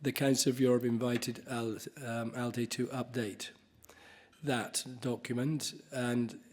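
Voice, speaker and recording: A man chairing a conference panel, talking off the cuff with halting restarts and the odd cough. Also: mid-range voice, flat delivery, darkish tone. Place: conference hall.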